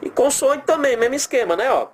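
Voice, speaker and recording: Over a little hiss or hum, a man with a very high voice and a Brazilian accent teaches recorded grammar. He's animated, drawing out example words slowly while asking himself rhetorical questions.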